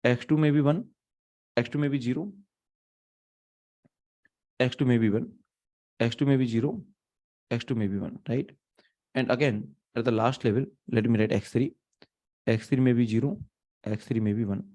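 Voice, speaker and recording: Speaking at a moderate pace with long pauses, an Indian man in his thirties teaches a live class online from a small room. His middle-pitched Indian English mixes in Hindi as he thinks aloud, full of restarts and fillers. The webcam mic sits some distance away.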